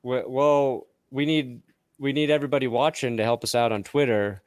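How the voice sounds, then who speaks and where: A man's voice: medium pitch, moderate pace, no room sound, studio quality. Man casually breaking down a football game. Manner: relaxed, rambling with fillers. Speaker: podcast co-host. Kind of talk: casual post-game sports chat.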